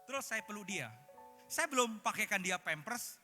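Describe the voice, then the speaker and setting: Male pastor, high bright tone, lively sermon storytelling, reverberant conference hall. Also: normal speed. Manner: animated storytelling, switching into English phrases. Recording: echoey conference hall with music.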